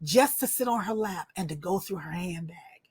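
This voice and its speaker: A woman who writes and illustrates children's books, telling personal stories as an interview guest in an expressive, animated way. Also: fairly low pitch, moderate pace, breathy edge, no echo. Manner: expressive, animated storytelling with acted-out voices. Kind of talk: storytelling in an interview.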